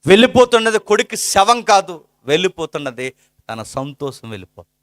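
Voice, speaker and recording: A male preacher delivering a sermon with passion, firing rhetorical questions and swinging between hushed, low lines and loud, soaring ones. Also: very animated, a little fast, no room sound, clean studio sound.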